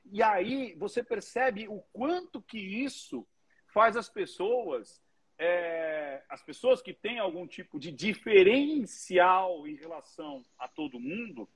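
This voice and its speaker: A man tells stories with lively energy and swears casually. His voice sits higher than most men's and has a husky edge. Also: slow. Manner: animated storytelling, swears freely. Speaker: guest, oratory teacher. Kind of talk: casual commentary chat.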